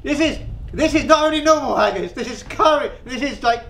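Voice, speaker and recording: A man's voice: extremely high pitch, lively intonation, a little fast, gravelly, a bit bright. A man hosting a casual cooking demonstration, chatty and rambling and laughing often as he tells jokes. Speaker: cooking show host. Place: outdoors, windy. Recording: echoey with faint ambient noise.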